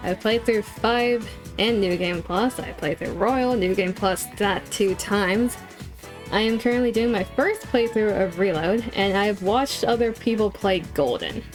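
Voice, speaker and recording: A woman's voice: mid-range voice, unhurried. A woman streamer chatting to her viewers during a live game stream, with a cute, bubbly anime-streamer delivery. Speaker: VTuber streamer. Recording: music in the background. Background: game music.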